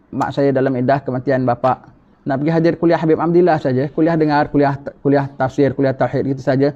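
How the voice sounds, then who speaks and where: Male religious teacher, emphatic lecture delivery, fairly high voice, muffled lo-fi audio. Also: dark tone. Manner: emphatic, rhetorical questions. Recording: dull lo-fi recording.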